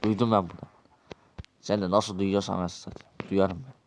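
A man's voice: low voice, little pitch movement, normal speed, noisy background. A man acting out a quarrelsome, swearing Minecraft role-play dialogue.

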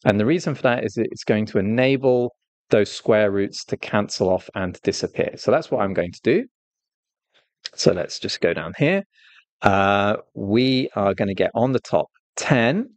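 Low-voiced patient male math tutor. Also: moderate pace, dry recording. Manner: patient, explains step by step while drawing; stresses key points with "right?". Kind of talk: exam walkthrough lesson.

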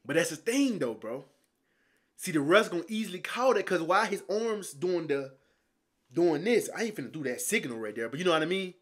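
Hyped young dude reacting to hoops highlights, high voice, cussing a lot, talking to chat. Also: male voice, a little fast. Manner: excitable, profane, talks straight to viewers. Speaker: basketball reaction streamer. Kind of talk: casual reaction commentary.

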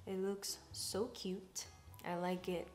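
With a mid-range, level, slightly mellow voice, a Ghanaian woman in her 20s speaks slowly as she chats casually and affectionately to camera. The home recording is echoey, has a music bed, and carries a little hiss or hum.

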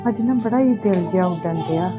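A woman playing a mother visiting her daughter, asking gently how she is doing. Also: on the low side, a little fast, lo-fi sound. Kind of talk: amateur Punjabi family skit. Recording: music behind voice.

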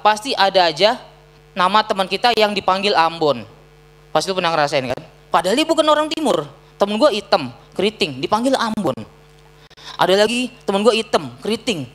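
A young man from Bekasi doing a deadpan stand-up set on an auditorium stage, with punchy set-ups and acted-out quotes. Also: sits high. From Bekasi, Indonesia. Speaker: stand-up comedian.

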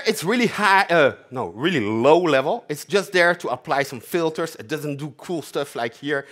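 Onstage in a big conference hall, a man in his forties runs a live demo, chatty and poking fun at himself. His voice sits on the high side and is a bit bright, with a French accent; he's half French, half Dutch, and works as a developer advocate and conference speaker.

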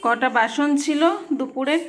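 Young woman vlogging from home, kinda high voice, roomy kitchen echo, faint noise behind. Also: steady tone, a little slow. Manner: speaks softly so her sleeping child won't wake; chatty, complaining about the heat. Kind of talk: casual home vlog chat. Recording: echoey room with faint background noise.

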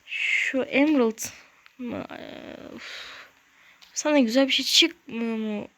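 A woman hosting a gaming channel, giving casual let's-play commentary in short, excitable bursts with slangy exclamations and mild curses. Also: on the high side, slow. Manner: talks to self while playing, short bursts.

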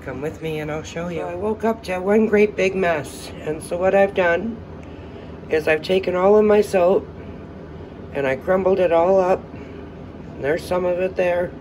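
A man's voice: high voice, a little slow, a little mellow. Chatty man vlogging at home, distant mic. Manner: chatty, thinking aloud with fillers. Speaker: soap-making vlogger. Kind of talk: casual how-to vlog. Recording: distant mic, air-conditioner hum.

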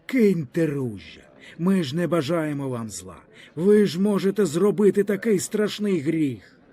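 A man's voice: fairly high pitch, expressive, a little slow, mellow, slightly rough. A man playing an anguished peasant leader. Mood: desperate. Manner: pleading, anguished. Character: desperate peasant leader pleading with soldiers.

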